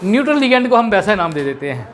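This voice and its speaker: A male chemistry teacher, lecturing a classroom and drilling students with quick questions and spelled-out terms. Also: high-pitched, big pitch swings.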